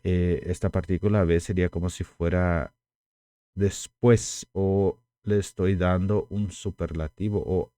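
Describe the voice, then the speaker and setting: A man with a very low, mellow voice teaches a language lesson at an unhurried pace, stopping to repeat each word for his learners. The sound is dry and close, with no room echo. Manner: slow, explanatory, repeats words for learners. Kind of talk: casual online language lesson.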